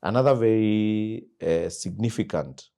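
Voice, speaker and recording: Animated Kenyan man telling stories. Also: fairly low pitch, a little slow, gravelly. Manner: animated storyteller who acts out quoted dialogue and laughs loudly. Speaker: guest, company founder. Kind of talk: storytelling interview.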